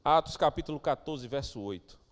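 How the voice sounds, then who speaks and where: A man preaching a sermon as pastor of a church, moving between quiet asides and loud, emphatic declarations. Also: mid-range voice, animated, a little fast, big-room sound. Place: church sanctuary.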